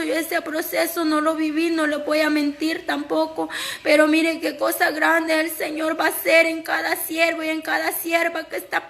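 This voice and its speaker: Very high, gravelly woman giving testimony. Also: fairly bright tone. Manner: fervent, tearful, addresses the congregation. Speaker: pastor's wife giving testimony. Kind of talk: emotional church testimony.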